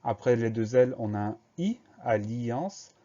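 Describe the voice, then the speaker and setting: A man teaching a spelling lesson to young pupils, spelling each word slowly, letter by letter. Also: medium pitch, expressive, dark tone, dull audio. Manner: slow, careful letter-by-letter dictation.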